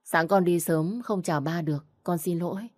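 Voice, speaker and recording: A woman's voice: fairly low pitch, moderate pace, darkish tone, no room sound, clean studio sound, close to an everyday voice. A woman voicing a polite young son who talks to his father with care. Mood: concerned. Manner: polite, caring.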